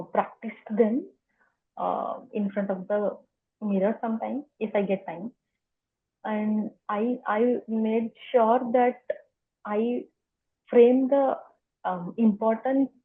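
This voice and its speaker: In a conversational interview, a guest from India, a woman with a stammer, repeats words and sounds as she responds to questions. Her voice is medium-pitched, and the audio is narrow and tinny.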